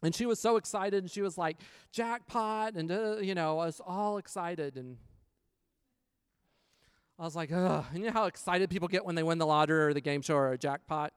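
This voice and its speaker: A man tells a personal story in a relaxed sermon style, acting out the voices of the people he quotes. His voice sits a bit high and rings clean and smooth. The sound is dry and close, with no room echo. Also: fairly quick. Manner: animated storyteller, acts out quotes. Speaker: preacher sharing a testimony.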